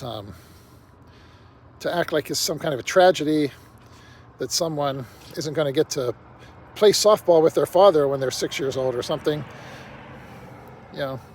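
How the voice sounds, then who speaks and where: Blunt, rambling older man outdoors. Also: fairly high pitch. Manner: blunt and rambling, with frequent "you know". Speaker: vlogger. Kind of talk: casual monologue. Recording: faint outdoor traffic noise.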